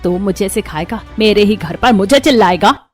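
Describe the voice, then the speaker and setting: A woman voicing a stern, sharp-tongued older grandmother in a scripted audio story, with music behind. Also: medium pitch, lively intonation, moderate pace, breathy edge. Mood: scolding.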